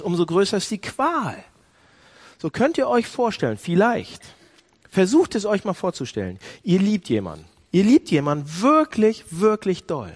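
Man preaching with a widely swinging pitch. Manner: swings from soft and low to loud and high; asks the congregation direct questions. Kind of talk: sermon.

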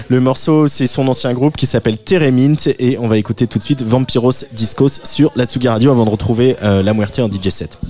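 A man's voice: mid-range voice, fairly quick, a little mellow, faint music behind. A man hosting a radio show in casual chat, hesitant, with many fillers and restarts.

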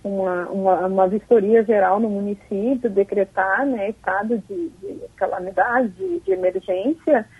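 A woman mayor being interviewed over a crackly phone line, talking haltingly and repeating words. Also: mid-range voice, slightly rough. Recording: tinny breaking-up phone line.

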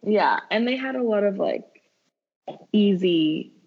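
A woman casually chatting about a TV show, excitable, swearing and laughing often. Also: mid-range voice, takes it slowly, breathy edge, highs cut off. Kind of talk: casual chat reviewing a TV show.

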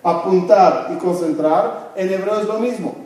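A man's voice: high-pitched, measured pace, darkish tone. A man giving a religious lesson to a congregation, asking questions and answering them himself, mixing Hebrew terms into his speech. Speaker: religious teacher. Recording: very echoey room, mic far off.

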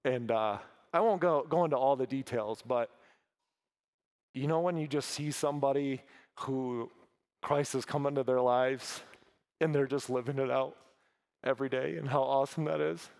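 A man's voice: medium pitch, steady tone, creaky, darkish tone. Earnest, emotional man speaking at a conference. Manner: emotional, earnest, halting with fillers. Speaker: ministry speaker. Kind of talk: conference talk.

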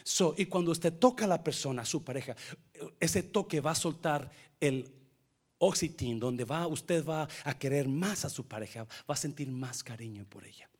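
A man preaches to his congregation as pastor, his voice sitting a little high for a man. He tells stories in a hushed, intimate tone, then rises into loud, animated calls to the church. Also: moderate pace, slightly rough. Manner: storytelling, lively swings from hushed to loud exhortation. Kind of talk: sermon.

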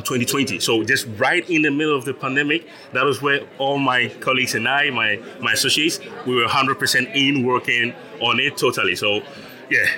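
This young startup founder from Ghana speaks at medium pitch with a bright, forceful tone. Appearing as an interview guest, he patiently explains his business, laughing frequently and repeating words.

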